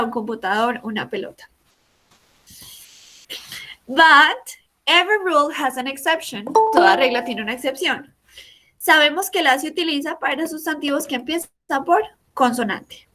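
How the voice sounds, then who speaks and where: A woman teaching a lesson over a video call, with a high, bright voice. She talks slowly and patiently, going step by step and repeating each example so it sinks in. Her voice comes through a computer mic. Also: slight background noise. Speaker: English teacher. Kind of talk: online class lesson.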